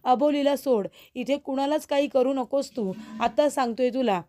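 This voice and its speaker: A woman's voice: sits high, moderate pace, dark tone, natural voice. A woman voicing a senior male lawyer in a retold TV serial, firm and approving, in her own voice. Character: man, proud senior lawyer.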